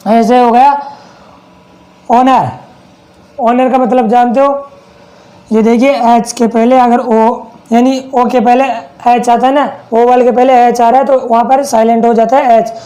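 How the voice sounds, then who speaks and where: Mellow-voiced teacher, man with Hindi accent. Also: very high-pitched, level tone, unhurried, rough recording. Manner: repeats and checks understanding with frequent rhetorical questions. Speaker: English teacher. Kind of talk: classroom lesson.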